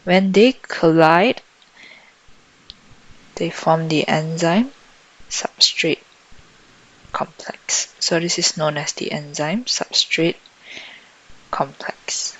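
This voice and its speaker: A woman tutor thinking out loud as she works through exam questions in a lesson, on a dull lo-fi microphone. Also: deep voice. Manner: thinking out loud while solving. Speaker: biology tutor.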